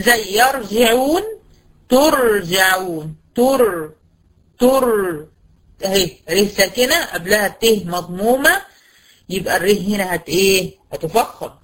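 A woman with an Egyptian Arabic accent teaching a tajweed lesson. She poses questions and answers them herself, and drills sounds slowly and patiently. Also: medium pitch, lively intonation, a bit bright, rough recording. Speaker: Quran recitation teacher.

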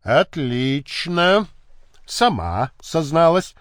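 A man's voice: a little high, sing-song, drawn-out words, no echo, studio quality, full character voice. A man doing a rude, mocking police officer.

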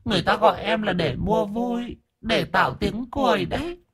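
A tearful, camp male ghost whines and pleads in a high, airy falsetto with a lilt. The voice sits far above his own and sounds husky and thin. He drags out his lament like a storybook spirit. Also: normal speed. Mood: whiny lament. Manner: whiny, pleading, sassy.

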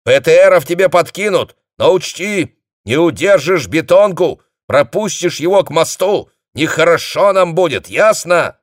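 A man voicing a battle-worn male battalion captain who shouts orders urgently. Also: medium pitch, lively intonation, slow pace, breathy edge, dry recording, clean studio sound, pitched above the performer's own voice, heavily acted. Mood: commanding. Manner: shouting, commanding.

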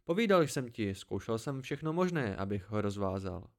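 A man's voice: fairly low pitch, big pitch swings. A man voicing an eager, impatient young man in an amateur audiobook reading, asking plain questions.

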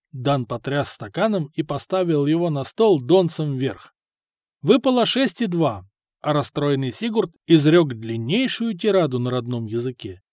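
Higher-voiced male audiobook narrator, dry sound. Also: darkish tone, no room sound. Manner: measured storytelling. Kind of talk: scripted narration.

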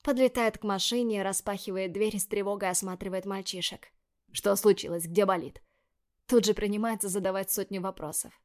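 Woman narrating an audiobook. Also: mid-range voice. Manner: measured, expressive reading. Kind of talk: first-person scripted narration.

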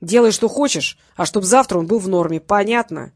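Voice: mid-range voice, a little fast, slightly rough. A reader voicing a cold male gang boss who gives hard, curt orders. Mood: threatening. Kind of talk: audiobook character voice.

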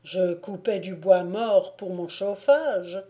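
An anxious young woodcutter pleads his innocence in an audiobook, voiced by a woman. The speech is earnest and slow, with a warm, soft tone. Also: on the low side. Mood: pleading. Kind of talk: audiobook reading.

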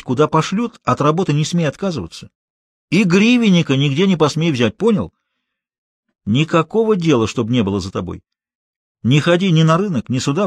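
A man's voice: fairly high pitch, breathy edge, no room sound, clean studio sound, voice pushed up. A man voicing a cold, menacing male gang boss who gives curt, clipped commands without hurrying. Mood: commanding.

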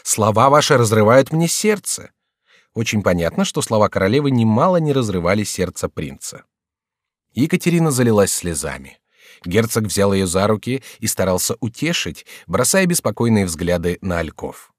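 A man's voice: on the low side, sing-song, moderate pace, dry recording, studio quality. Man narrating a classic novel. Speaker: audiobook narrator. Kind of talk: literary audiobook narration.

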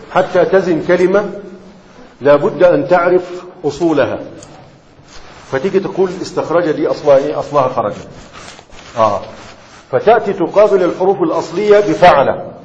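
A man with an Egyptian Arabic accent gives a classroom lecture, his voice sitting high for a man. He keeps pausing to check that his students are following. The sound is dull and lo-fi, with a long echo from a large hall. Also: a little mellow, a little hiss or hum. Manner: keeps checking students' understanding with quick questions. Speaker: Islamic scholar teaching Arabic morphology.

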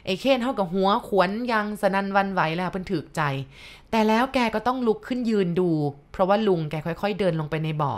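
A woman storyteller narrating a ghost story in a lively way, speaking to her listeners. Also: mid-range voice, fairly quick.

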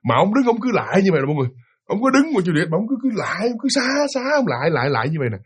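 Male storyteller, Southern Vietnamese accent, brisk and slightly breathy, lively and chatty. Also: sits high. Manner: lively, animated, addresses listeners directly. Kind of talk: casual ghost story telling.

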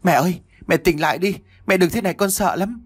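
A man's voice: high voice, fairly quick, dry recording, clean studio sound, voice pushed up. A man doing a frightened sobbing boy. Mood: desperate.

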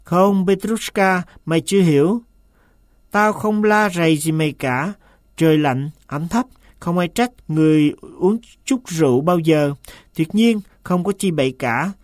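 A man reading a shrill, frantic master. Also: measured pace, no room sound, clean studio sound, natural voice. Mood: coaxing. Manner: shrill, hissing when upset. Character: anxious, agitated man, master of a servant.

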